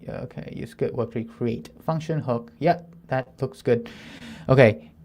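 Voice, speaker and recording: Thinking aloud while coding on stream, this man from Thailand in his 30s reads plan text in a middle-pitched voice. His speech is halting; nerves make him trip over words and start over, and he drops soft, half-muttered asides as he reads.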